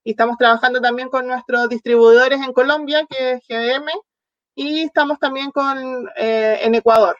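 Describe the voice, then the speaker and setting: With a high voice, a steady tone, and a normal speed, a southern Chilean woman with a Chilean Spanish accent responds to online interview questions as a veterinarian product manager guest. She's friendly and explanatory and leans on fillers often. There's no echo, though the recording sounds muffled.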